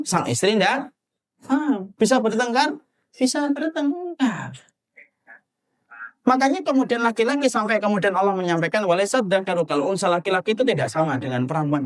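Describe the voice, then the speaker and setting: A man from Java giving an animated sermon, asking the audience questions and acting out little scenes. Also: sits high. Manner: animated, rhetorical questions to the audience, acts out husband and wife. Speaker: preacher.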